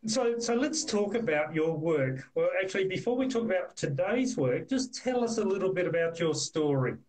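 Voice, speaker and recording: A man's voice: high voice, animated, moderate pace, a little mellow, slightly rough. A man hosting a casual live interview, talking with many hesitations and fillers. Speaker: host. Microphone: live stream.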